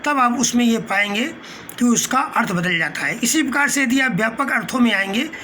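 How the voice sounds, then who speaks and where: A man teaching a spoken lesson, explaining patiently, pausing on short fillers and glossing terms with English words. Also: very high-pitched, expressive, bright, forceful tone, slight background noise. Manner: pauses mid-phrase with short fillers. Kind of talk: spoken lecture.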